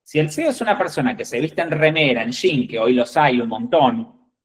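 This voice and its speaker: Un hombre con acento argentino, reclutador de ejecutivos, da una charla instructiva a candidatos con tono directo y enfático, y comprueba a menudo con "¿bien?" que le siguen. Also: male voice, mid-range voice, lively intonation, normal speed, poor audio. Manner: direct, emphatic, checks in with "¿bien?" and "¿ok?". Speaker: executive recruiter. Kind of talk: instructive talk to job candidates.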